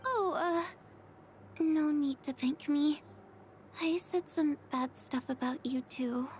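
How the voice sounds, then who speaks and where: A woman's voice: sits high, takes it slowly, a little mellow, a little hiss or hum. An actress playing a sweet, modest young girl in a video game, hesitant and brave though ailing. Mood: modest, kind.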